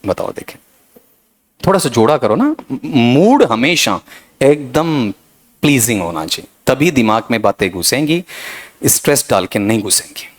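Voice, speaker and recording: A man leads an exam-prep grammar lesson in a voice of ordinary middle pitch. He keeps quizzing his students with quick questions and answers them himself, in a coaching, familiar tone. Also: very animated. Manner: addresses students as "beta", quizzes with rapid questions and self-answers. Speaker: English grammar teacher.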